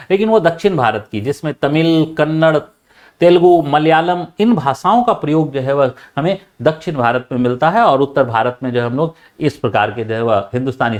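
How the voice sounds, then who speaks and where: A teacher with a slightly high voice gives an explanatory lecture on music, full of filler phrases and restarts. At times he demonstrates loud and soft speaking as he goes.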